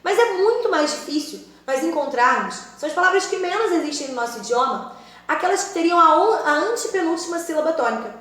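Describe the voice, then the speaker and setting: A high-voiced woman teaches a grammar lesson with lively emphasis. She calls out example words to her viewers. Her voice rings in a very echoey room. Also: fairly quick.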